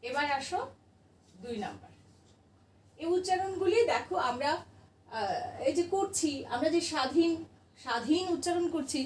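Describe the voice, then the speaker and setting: A woman's voice: high-pitched, animated, normal speed, pauses often, reverberant, recorded from a distance, slight background noise. A woman teacher giving a grammar lesson to her class, patiently asking questions and answering them herself.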